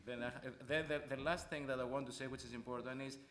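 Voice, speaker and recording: A man's voice: medium pitch, fairly even intonation, quick pace, reverberant, crowd noise. A man from Greece speaking as a panelist, earnest and repeating points for emphasis. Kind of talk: panel discussion.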